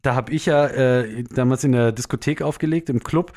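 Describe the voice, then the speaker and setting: A man's voice: medium pitch, normal speed, a little mellow. A young man co-hosting a podcast in casual chat, easygoing and hesitant, with frequent fillers. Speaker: podcast co-host.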